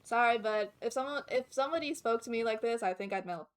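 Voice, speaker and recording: A woman's voice: on the high side, fast talker, clean tone. A woman streamer giving casual reaction commentary in a cute, gushing anime-streamer manner. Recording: music behind the voice. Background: background music.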